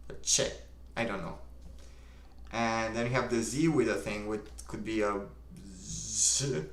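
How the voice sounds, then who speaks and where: A young man from Romania with a Romanian accent, calmly reading viewer comments aloud and answering them on a live stream. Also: fairly low pitch, moderate pace, reverberant. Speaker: livestream host. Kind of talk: casual live-stream chat.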